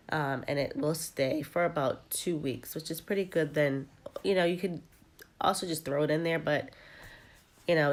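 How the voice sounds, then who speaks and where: A young woman talks through her cooking in a relaxed, chatty way, with plenty of ums along the way. Her voice sits low and sounds tired, worn down by a cold. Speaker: cooking vlogger. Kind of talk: casual cooking narration.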